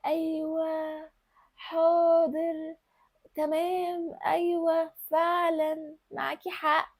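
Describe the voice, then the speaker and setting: A woman's voice: high voice, warm tone, husky. A woman with an Egyptian accent hosting an advice video, speaking straight to the viewer in an emphatic, coaxing way. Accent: Egyptian Arabic. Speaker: lifestyle and femininity advice host. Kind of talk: direct-to-camera advice talk.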